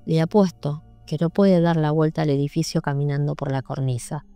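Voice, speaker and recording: A woman's voice: low voice, clear, resonant tone, dry recording, soft background music. A woman doing a cold vengeful man, hollow and lifeless. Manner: slow, flat and menacing. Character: cold, vengeful grieving man holding a gun.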